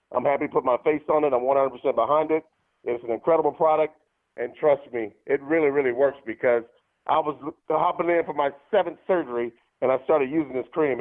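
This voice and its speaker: A man in his fifties speaks as a radio guest over a tinny phone line. He talks fast at a middling pitch, eager and full of fillers. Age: 50s. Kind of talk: phone-in interview.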